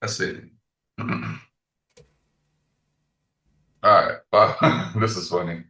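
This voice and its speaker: A man being coached over a video call, relaxed and agreeable, chuckling often. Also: sits low, extremely slow. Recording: roomy, distant from mic.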